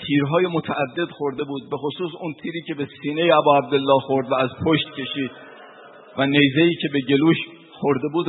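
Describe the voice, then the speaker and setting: Husky man preaching a mournful sermon. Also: fairly high pitch. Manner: mournful storytelling with Arabic recitation. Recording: tinny phone-like broadcast.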